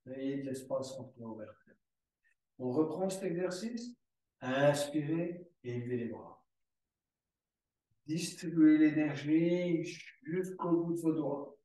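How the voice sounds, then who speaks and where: A man teaching a yoga class, calling out poses and breath cues in slow, drawn-out repetitions. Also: fairly high pitch, dark tone. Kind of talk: guided yoga class instruction. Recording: very echoey room, voice from far off the mic.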